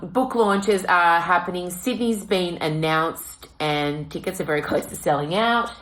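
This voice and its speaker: A sassy, theatrical Australian woman with a lowish, husky drag-queen voice worn down by coughing. She chats emphatically as a podcast host in an echoey room. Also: measured pace, fairly bright tone, slight background noise. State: voice damaged by weeks of coughing. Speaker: podcast host, singing performer. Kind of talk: casual chat.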